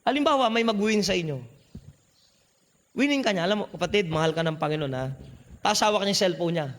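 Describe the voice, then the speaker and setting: A man's voice: high voice, animated, fast, a bit bright. A man preaching a sermon at a youth camp, emphatic and often firing rhetorical questions at his listeners. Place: large hall at a church youth camp. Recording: long reverb of a large hall.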